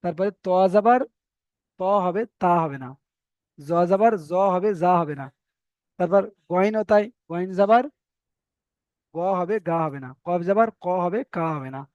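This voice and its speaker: A man's voice: sits high, lively intonation, normal speed, a little mellow, no echo, muffled recording. A man teaching Arabic letter pronunciation in an online lesson, patiently drilling and correcting students. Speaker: Quran reading teacher.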